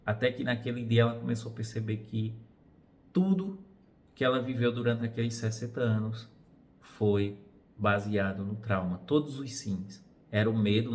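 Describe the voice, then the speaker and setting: A man with a Brazilian Portuguese accent who speaks as a psychotherapist, giving an earnest, reflective talk and asking rhetorical questions. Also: fairly low pitch.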